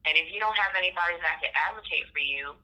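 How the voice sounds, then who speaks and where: A woman's voice: on the low side, fast, sharp tone, rough recording. A woman in her thirties, a nurse, telling her story in casual conversation and acting out what others said to her. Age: 30s. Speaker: guest, nurse. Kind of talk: casual conversation on a live stream.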